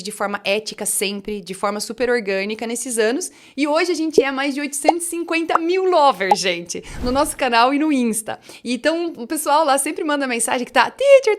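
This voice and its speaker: Young adult woman, English teacher, friendly chatty delivery with slow repeated drills, fairly high voice. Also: fairly bright tone. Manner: chatty, encouraging, drills phrases slowly for students to repeat. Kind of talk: casual online English lesson.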